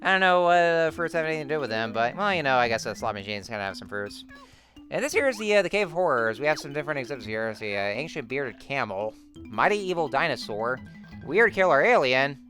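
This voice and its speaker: A man's voice: medium pitch, sing-song, fast talker, pushed and bright, faint music behind. A man giving casual, rambling game commentary full of fillers and restarts. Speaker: let's-play host.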